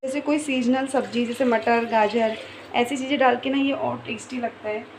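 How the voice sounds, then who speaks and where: Feeling unwell during her pregnancy, this young vlogger talks chattily through a home vlog in her kitchen and bedroom, keeping her voice soft so her child can sleep. Her voice is on the high side, steady and at normal speed, and the home recording is noisy.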